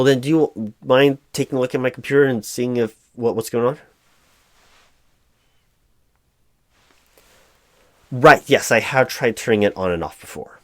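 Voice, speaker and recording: A man acts as a job interviewer, a bumbling, flustered corporate recruiting manager, in a one-sided roleplay where he stammers, hesitates and stays awkwardly polite in a flat delivery. His voice is medium-pitched and natural, and he sounds hesitant and frustrated.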